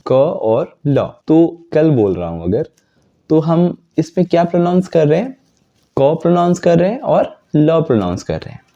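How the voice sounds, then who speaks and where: Man, slow teaching pace, lively pitch, mellow tone, dull lo-fi sound. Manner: explains slowly, repeats terms, recites letters one by one. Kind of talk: grammar lesson.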